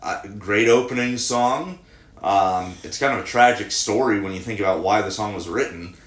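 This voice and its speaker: A man's voice: on the low side, normal speed, echoey room. A middle-aged man chatting casually as co-host with his son, hesitant with fillers and given to dry jokes. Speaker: co-host, father. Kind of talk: casual chat.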